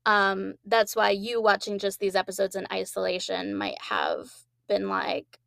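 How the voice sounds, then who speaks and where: A woman with a gravelly, fry-laden voice recaps a TV episode for her co-host. She rambles loosely and slips into quoting the characters as she goes. The sound is close and dry. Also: medium pitch, lively intonation, unhurried, a bit bright, dry recording. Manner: rambling, quotes characters with laughs. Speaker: podcast co-host. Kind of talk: casual chat, recapping episodes.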